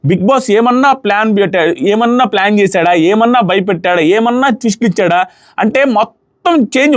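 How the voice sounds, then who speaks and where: A man giving a casual, excitable spoken review of a reality show episode, often dropping his voice to quote the people he talks about. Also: sits high, no echo, clean studio sound.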